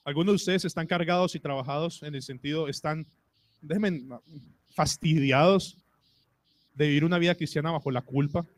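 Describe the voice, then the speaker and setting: A man's voice: a little high, normal speed. A male pastor with a Colombian Spanish accent preaching a sermon to his congregation, asking them rhetorical questions. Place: church.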